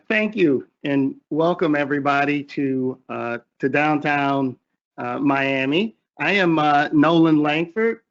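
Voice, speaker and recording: A man's voice: fairly high pitch, fairly bright tone. A man introducing himself and his investment firm as a webinar panelist, heard over a group video call. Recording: dull lo-fi call audio.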